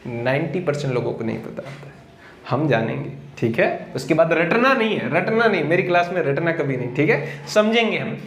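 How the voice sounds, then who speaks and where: A man teaching biology to students, asking the class questions and answering them himself, and spelling out key terms slowly word by word. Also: fairly high pitch, very animated, a bit bright. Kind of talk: Hindi classroom lecture. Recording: echoey room with faint noise.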